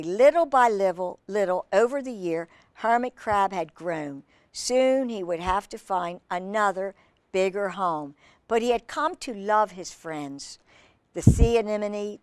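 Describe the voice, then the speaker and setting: In a dry recording, a woman with a medium-pitched voice performs a picture book for young listeners. She reads expressively and keeps stopping for questions and excited remarks about the illustrations.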